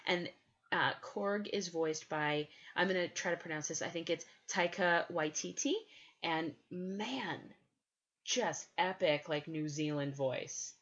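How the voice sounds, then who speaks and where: A woman's voice: fairly low pitch, takes it slowly, a bit bright. A woman co-hosting a podcast, chatting with enthusiasm in a casual way. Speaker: podcast co-host. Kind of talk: casual chat. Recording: dull lo-fi recording.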